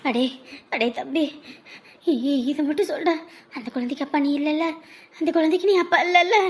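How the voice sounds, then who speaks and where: A proud, quarrelsome village mother in a family drama, acted by a woman. Her voice sits very high. She scolds and pleads with raw emotion. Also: normal speed. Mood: pleading. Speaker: mother of the groom. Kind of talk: Tamil family drama acting.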